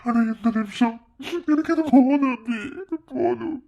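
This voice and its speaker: A man's voice: high voice, unhurried, a little mellow, slightly rough, dull audio. A man voicing a grieving male doctor who pleads tearfully for forgiveness. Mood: pleading.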